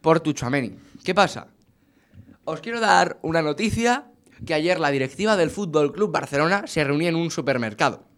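A man with an accent from Spain presents football news as a casual, joking chat among friends. His voice is a little high, his pace moderate, and his delivery animated and jokey.

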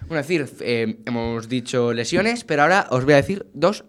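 A man's voice: mid-range voice, fairly quick. A man with an accent from Spain, presenting football news in a casual, jokey chat with friends. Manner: animated, jokey news delivery.

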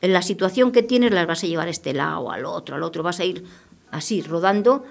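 Earnest older nun, lowish voice. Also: female voice, lively intonation, creaky. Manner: earnest, unhurried, repeats herself while thinking. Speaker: missionary nun. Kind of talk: radio interview, reflective testimony. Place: radio studio.

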